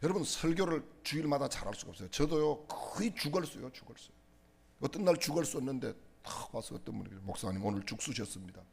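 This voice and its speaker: A man's voice: fairly high pitch, lively intonation, quick pace, creaky. A middle-aged man preaching a humorous sermon in a church, teasing the congregation with jokes and questions. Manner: playful, teasing, asks the audience questions. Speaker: pastor. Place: church sanctuary.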